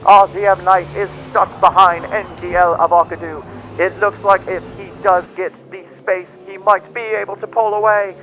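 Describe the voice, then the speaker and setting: Guy doing a old-timey 1950s race announcer, really high n sharp voice, excitable dramatic commentary, bit of noise behind. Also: normal speed, lo-fi sound. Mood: keen, suspenseful. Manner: theatrical, dramatic play-by-play delivery.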